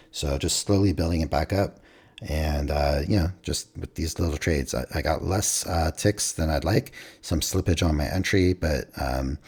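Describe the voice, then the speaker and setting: Losing his voice and clearing his throat, a very deep-voiced, husky man rambles through a casual screen-recorded review of his futures trades. He sounds a little mellow, with many fillers and restarts.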